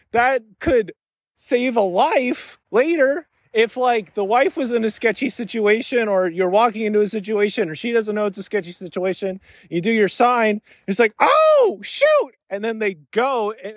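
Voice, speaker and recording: Man, high voice, casual podcast chat, rambling, lots of fillers, dry recording. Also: normal speed, no room sound. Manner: rambling, heavy use of filler "like". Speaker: podcast host. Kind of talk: casual solo podcast talk.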